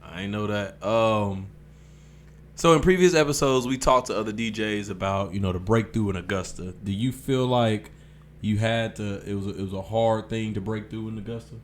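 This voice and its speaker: Hosting a casual podcast interview, a man with a lowish voice speaks at normal speed, relaxed and frequently offering "okay" and "um" as backchannels. There's slight background noise.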